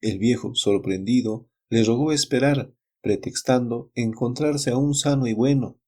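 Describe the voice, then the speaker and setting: A man reading legends and tales aloud in a measured, slightly dramatic narration. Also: medium pitch, a little mellow, husky. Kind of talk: storybook narration.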